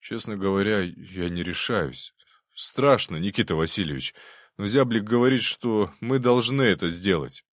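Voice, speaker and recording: A man voicing a flustered, excitable middle-aged prince, lifting his voice higher and drawing out bewildered phrases. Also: moderate pace, no room sound, studio quality, natural voice. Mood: eager.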